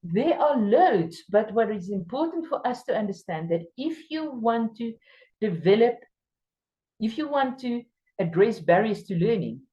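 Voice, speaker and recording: A South African woman with an Afrikaans accent, using English as her second language, gives a workshop lecture training teachers. She speaks emphatically, hitting key words with sudden pitch jumps, and the recording has its highs cut off.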